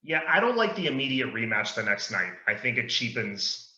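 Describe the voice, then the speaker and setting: Male co-host, casual chat, leads the talk; sharp, bright tone, roomy echo. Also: medium pitch, sing-song, normal speed. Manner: easygoing, opinionated, leads the discussion. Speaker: podcast co-host. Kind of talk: casual chat about wrestling. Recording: echoey room, dull lo-fi sound.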